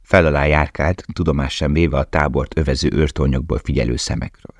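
A man reads a novel aloud in a steady, measured way. His voice is extremely low. The recording is close and dry, with no room sound. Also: no echo. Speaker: audiobook narrator. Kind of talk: scripted narration.

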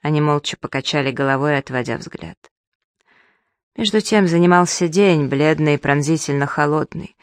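A woman narrating an audiobook in the first person, reading in a soft, measured and emotional way. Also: low voice, clean tone, no echo, studio quality.

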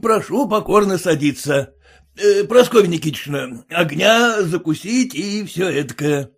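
A fussy, blustering merchant, as a male reader puts him on, his husky voice jumping high and loud. He barks orders and grovels by turns in an audiobook story. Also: expressive, unhurried, heavily acted. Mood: fawning. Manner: shouting, blustering, fawning.

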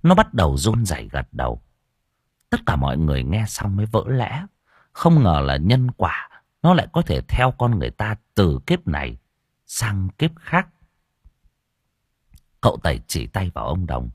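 A deep-voiced man narrates an audio horror story with a husky tone and lively, swinging intonation. His storytelling is dramatic and expressive, and the recording is dry and close, with no room sound. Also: normal speed, pauses often, dry recording.

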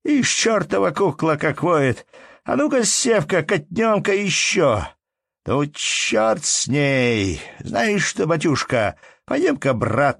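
A man's voice: on the high side, dry recording, studio quality, voice pushed up. A man doing a rowdy young tailor. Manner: brash, boisterous.

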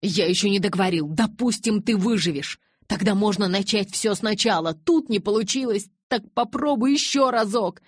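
A woman reading the lines of a hot-tempered, desperate young man in an audiobook, loud and insistent. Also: on the low side, moderate pace, husky, no echo, clean studio sound. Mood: angry. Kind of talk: audiobook character voice.

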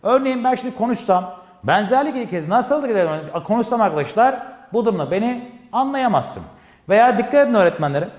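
A man's voice: extremely high pitch, lively intonation, a little fast. A man teaching a classroom lecture, explaining step by step, repeating key phrases and constantly addressing his listeners. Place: classroom with a board. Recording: echoey room with long reverb.

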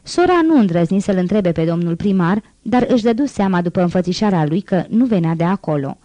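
Warm, low-voiced woman reading an audiobook. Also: lively intonation, no room sound. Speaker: audiobook narrator. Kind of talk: scripted narration.

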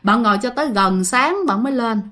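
A woman's voice: fairly high pitch, lively intonation, fairly quick, fairly bright tone. Chatty woman storyteller. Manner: chatty, addresses listeners directly, many fillers. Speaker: ghost story narrator. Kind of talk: casual storytelling.

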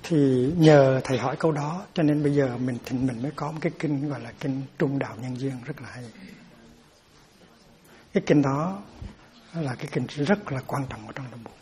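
A man's voice: mid-range voice, moderate pace, mellow. A man giving a Buddhist dharma talk as teacher, explaining terms patiently and often repeating words as he searches for them.

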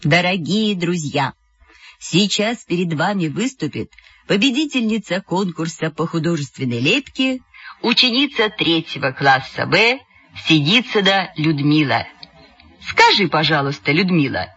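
A woman's voice: fairly low pitch, sing-song, a little slow, fairly bright tone, slightly rough, dry recording, highs cut off, pitched below the performer's own voice, exaggerated voice. Woman doing a pompous nasal schoolboy reporter. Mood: self-important. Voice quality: nasal, self-important.

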